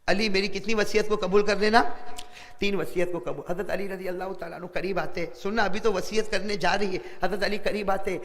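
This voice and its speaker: A man's voice: sits high, steady tone, fairly bright tone. A man preaching an impassioned storytelling sermon, often putting questions to his listeners and repeating phrases. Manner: keeps asking the audience questions and repeating phrases. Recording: long hall reverb.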